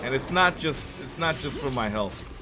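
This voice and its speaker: A man's voice: medium pitch, animated, normal speed, over music, natural voice. A man voicing a brash, streetwise male tough guy with a New York accent. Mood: mock-stern. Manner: wisecracking, streetwise. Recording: noisy background hiss.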